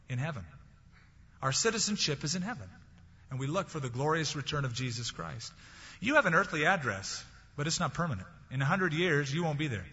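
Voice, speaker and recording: Speaking in a fairly high, somewhat bright and slightly rough voice, a Californian pastor delivers his sermon in a relaxed, conversational way, mixing scripture quotes with light anecdotes. The audio is dull, captured in a big hall full of reverb.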